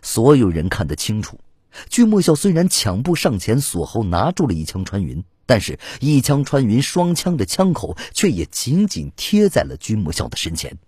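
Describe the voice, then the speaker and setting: A man's voice: big pitch swings, moderate pace, darkish tone, slightly rough, no echo, studio quality. A man narrating an audiobook in a dramatic storytelling manner, reading scripted narration. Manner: dramatic storytelling with wide swings in pitch.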